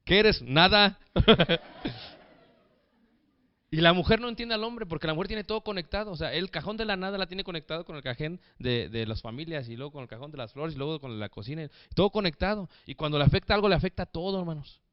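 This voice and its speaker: A man preaching a lively sermon, joking with the congregation and calling them brothers. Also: on the high side, quick pace, dry recording, muffled recording.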